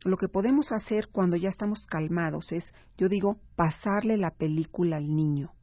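Woman, radio guest, parenting expert, calm explainer, dry close sound. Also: on the low side, moderate pace, dry recording. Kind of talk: radio talk show conversation. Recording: slightly dull radio broadcast sound.

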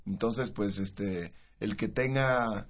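A Mexican man co-hosts a radio talk show, rambling loosely with plenty of restarts. His voice is low and husky. It comes through a dull radio broadcast. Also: takes it slowly. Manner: rambling, many fillers and restarts. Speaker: radio co-host. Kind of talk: casual radio chat.

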